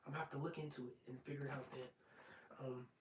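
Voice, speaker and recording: 25 yr old guy rambling on an asmr live stream, pretty monotone, kinda far from the mic in an echoey room. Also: medium pitch, quick pace. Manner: rambling and relaxed, drops into soft whispers at times. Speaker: ASMR channel host. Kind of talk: casual live-stream chat with viewers. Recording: roomy, off-mic sound with faint noise.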